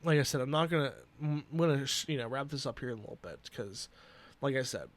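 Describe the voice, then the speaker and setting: A man in his twenties hosting a solo podcast, earnest and emotional, talking haltingly with many restarts. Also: mid-range voice, lively intonation, no room sound. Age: 20s. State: emotional, near tears. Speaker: podcast host. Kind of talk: personal solo podcast talk.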